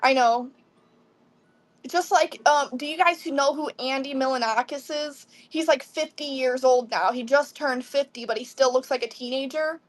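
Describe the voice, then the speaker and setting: Her voice sits high and moves at a moderate pace as this Midwestern seller in her twenties chats on a live selling stream and replies to viewers' comments.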